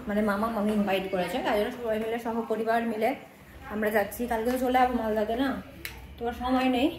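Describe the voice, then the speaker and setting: A woman's voice: a little high, a little hiss or hum. A woman narrating a casual family vlog to her viewers from a phone camera. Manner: chatty, narrates to viewers, sometimes drops to a hushed voice. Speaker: vlogger.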